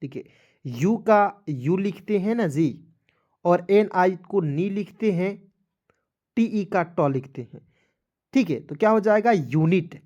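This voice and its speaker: A man from India teaching English pronunciation, spelling words out slowly, letter by letter, and repeating them. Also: high voice, expressive, darkish tone, muffled recording. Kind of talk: classroom-style phonics lesson.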